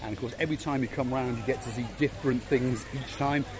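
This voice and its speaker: A man's voice: medium pitch, fairly even intonation, quick pace. Older male vlogger, walk-and-talk hotel tour, gushing, repeats his praise, recorded on a handheld camera. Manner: enthusiastic, repeats praise words. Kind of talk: casual walk-around commentary. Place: outdoors and indoors in a hotel, walking.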